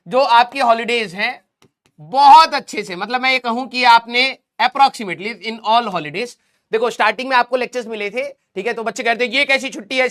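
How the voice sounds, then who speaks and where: A male online teacher with a sore throat, talking casually and affectionately with his students and speaking a little softly. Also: very high-pitched. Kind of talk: casual lecture to students, Hindi mixed with English.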